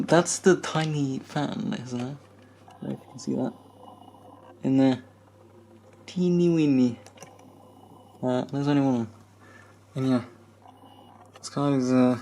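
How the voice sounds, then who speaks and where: A man with a gravelly, creaky voice, talking casually about his computer hardware. He hesitates often and lets his sentences trail off. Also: mid-range voice, a little mellow. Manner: hesitant, lots of ums and trailing off. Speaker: tech vlogger. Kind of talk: casual chat while showing his computer.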